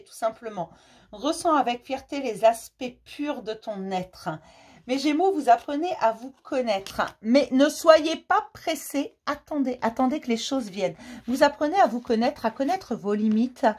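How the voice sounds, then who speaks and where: A tarot reader with a high, slightly mellow voice does a casual horoscope card reading for the star signs. She talks warmly, laughs a lot, and calls her viewers her darlings.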